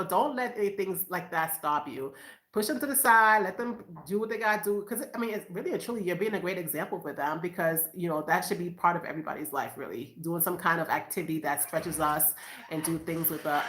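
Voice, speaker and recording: A fairly low-pitched, fairly bright voice belongs to a Boston woman with five kids chatting with live-stream viewers from her room at home. She stays upbeat and casual, laughs often, and calls them "you guys." The recording echoes.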